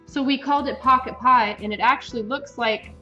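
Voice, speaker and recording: A woman's voice: high voice, a little fast, pushed and bright, echoey room, dull audio, soft background music. A woman in her thirties hosting a home cooking video in her kitchen, chatty and enthusiastic, praising the food as she explains each step. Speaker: cooking show host.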